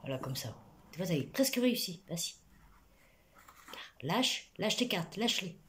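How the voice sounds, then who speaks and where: A woman's voice: lowish voice, sing-song, normal speed, fairly bright tone, slight background noise. A woman teaching a child at home, asking simple questions in a patient, coaxing way. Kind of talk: home schooling session.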